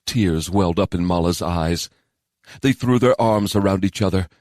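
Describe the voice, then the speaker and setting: A man narrating a fantasy novel in a steady, measured storytelling voice on a close studio mic. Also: deep voice, dry recording. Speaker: audiobook narrator.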